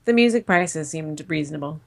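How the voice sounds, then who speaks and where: Tech-show sidekick, congested and gravelly, mostly quick agreeable interjections. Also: medium pitch, lively intonation. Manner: brief, agreeable replies. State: stuffed up, losing voice. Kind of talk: casual tech review chat.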